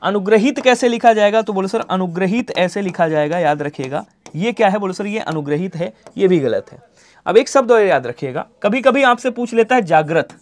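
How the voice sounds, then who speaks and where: A man teaching an online Hindi exam-prep class, who answers his own questions in the voice of his students and lets the ends of his sentences fall quiet. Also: high voice, expressive, brisk. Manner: repeats answers in imagined student replies, drops to quiet trailing endings.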